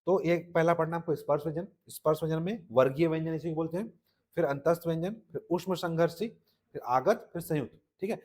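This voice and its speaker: A man's voice: a little high, quick pace, darkish tone. A man with a Chhattisgarhi Hindi accent giving a classroom lecture for exam students, checking in with "okay" and quizzing his listeners. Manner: repeats "ठीक है" and quizzes listeners. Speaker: exam-prep Hindi teacher.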